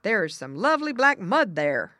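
A woman voicing a coarse, boastful male pig who talks loudly and insistently in a storybook reading. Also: medium pitch, sing-song, moderate pace, no echo, clean studio sound, pitched above the performer's own voice. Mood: pushy. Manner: loud, hearty and insistent.

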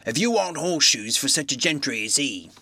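A man reading aloud voices a knowing village blacksmith who speaks slowly and gravely in rustic dialect. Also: medium pitch, very animated, bright, forceful tone, no room sound. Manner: slow, weighty, rustic dialect.

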